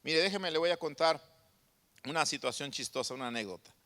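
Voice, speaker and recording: A high-voiced man preaching a sermon, leaning hard on his points and throwing rhetorical questions at his listeners. His voice is bright and forceful. A long reverb rings around him. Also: fairly quick.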